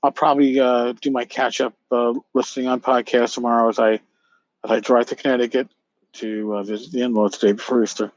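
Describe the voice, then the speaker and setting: A man's voice: medium pitch, level tone, a little fast, no room sound, highs cut off. A man hosting a casual solo podcast, musing and rambling as he repeats phrases for emphasis. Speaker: podcast host.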